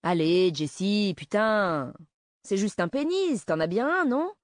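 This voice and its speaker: A woman's voice: big pitch swings, slow, no room sound, studio quality. A woman voicing a cocky, crude teenage boy in an audiobook reading, brash and vulgar. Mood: taunting. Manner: brash and vulgar, later shrill pleading.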